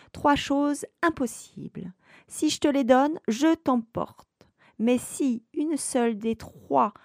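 A woman's voice: fairly high pitch, darkish tone, dry recording, clean studio sound, full character voice. A woman voicing a spiteful old female witch in a sneering, mocking tone.

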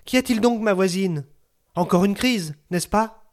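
A man reading a story voices a brusque old neighbor woman in a raised, higher voice, bossing everyone around with gruff authority. Sounding alarmed and speaking a little slowly, she scolds and fusses at length without ever softening into sweetness.

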